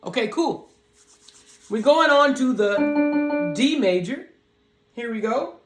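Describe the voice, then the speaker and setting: In a roomy, echoing space with piano playing, a person with a deep, raspy, low voice teaches beginners piano casually and step by step. They talk slowly through each stage, sound animated, and sing scale notes on "ho."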